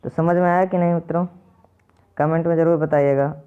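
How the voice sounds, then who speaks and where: A man teaching a lesson, patiently repeating and slowly spelling out each sound. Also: fairly high pitch, fairly even intonation, clear, resonant tone. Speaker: Sanskrit teacher. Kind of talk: explanatory lesson to viewers. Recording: dull lo-fi recording.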